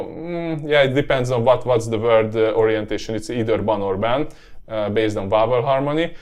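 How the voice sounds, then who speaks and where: Male teacher, lowish voice, relaxed lesson pace, filler-heavy. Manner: relaxed, lots of fillers and tag "yeah?". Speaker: Hungarian language teacher. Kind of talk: language lesson.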